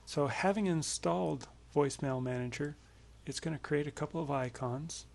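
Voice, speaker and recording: In a relaxed screencast, a man demonstrates software and explains it informally at normal speed. His creaky voice sits fairly high in pitch.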